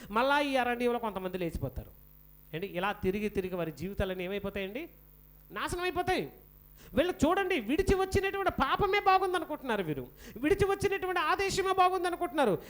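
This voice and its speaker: A man preaching a sermon with a Telugu accent, animated, often asking and answering his own questions. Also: very high-pitched.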